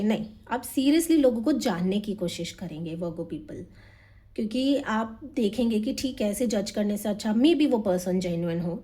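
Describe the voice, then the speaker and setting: Fast-talking woman tarot reader, mellow voice. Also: medium pitch. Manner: fast, energetic talk mixing Hindi and English. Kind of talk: monthly tarot reading to camera.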